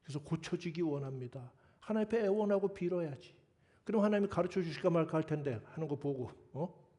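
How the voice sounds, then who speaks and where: Mellow-voiced man preaching a sermon. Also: fairly high pitch, animated, fast talker. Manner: conversational, scolding and joking, acts out prayers. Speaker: pastor. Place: church sanctuary.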